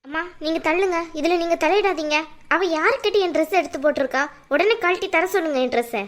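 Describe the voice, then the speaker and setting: [name], a woman voicing a fiery young woman. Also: very high-pitched. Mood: angry. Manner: scolding, demanding, quick to anger. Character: hot-tempered young woman, sharp-tongued and jealous. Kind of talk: cartoon voice acting.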